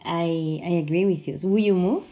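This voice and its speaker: Interviewer: a woman with a low, mellow voice, friendly and easy. Dull lo-fi sound. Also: fairly quick. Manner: friendly, laughs often. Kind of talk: casual interview talk.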